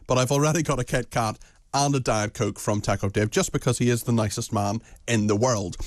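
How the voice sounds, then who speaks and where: Chatty British man presenting breakfast radio. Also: medium pitch. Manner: chatty, playful, stumbling restarts. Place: radio studio.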